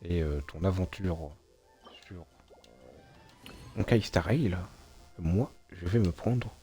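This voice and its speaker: Over soft background music, a man with a warm, deep voice speaks slowly during a gameplay livestream. His commentary is casual and hesitant, half muttered to himself and half aimed at his viewers.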